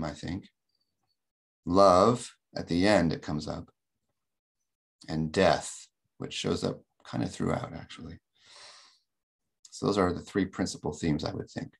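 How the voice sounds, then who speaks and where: A man presenting a webinar lectures academically over a video call, his voice sitting low with vocal fry and a slight roughness. His explanations are measured and thoughtful, peppered with frequent ums.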